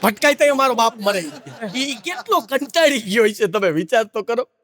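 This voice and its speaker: A man's voice: very high-pitched, normal speed. Folksy storytelling man with a Kathiawadi accent. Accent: Kathiawadi Gujarati. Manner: lively folksy storytelling, acts out the people in his stories. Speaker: stage comedian telling folk anecdotes. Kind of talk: live stage storytelling.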